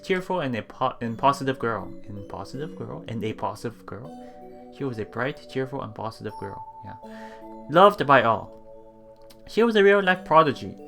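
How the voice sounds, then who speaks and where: A streamer with a creaky, somewhat bright voice at medium pitch reads a visual novel aloud for a let's play, game music in the background. Stumbles prompt rereads, and quiet murmured reactions fall between passages.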